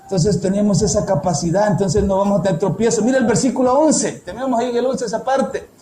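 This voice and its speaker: A man preaching to a congregation, asking them repeated rhetorical questions and slowing down to stress scripture. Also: high-pitched, dark tone, reverberant, a little hiss or hum, low-quality recording. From El Salvador. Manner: slow, emphatic delivery of scripture. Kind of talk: sermon. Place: church.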